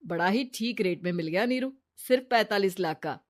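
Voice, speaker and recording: A woman's voice: mid-range voice, expressive, brisk, natural voice. Woman voicing a blunt, wary husband. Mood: stern. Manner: blunt, accusing.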